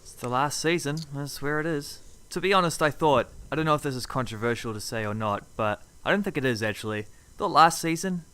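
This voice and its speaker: A man's voice: medium pitch, a little fast, bright, forceful tone, smooth. A man co-hosting a podcast, chatting casually in offhand, clipped phrases. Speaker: podcast co-host. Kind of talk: casual podcast chat about television.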